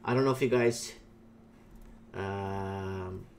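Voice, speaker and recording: Speaking slowly in a low, darkish voice, this YouTube channel host, a native Portuguese speaker, wanders through opinionated reactions to viewer comments. He fills his talk with fillers and frequent restarts, and there's slight noise in the background.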